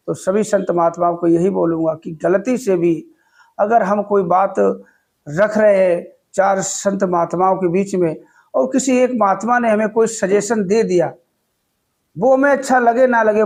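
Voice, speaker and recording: A man from Uttar Pradesh, India, hosts a devotional video, telling an earnest, humble story in a casual talk. He has a sore throat, and his high voice is creaky and a little mellow.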